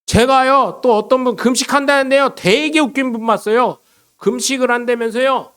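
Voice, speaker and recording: A man, a pastor, preaching a lively sermon and often calling out questions to his congregation. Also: extremely high pitch, moderate pace, clear, resonant tone. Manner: switches between solemn blessing and chatty storytelling.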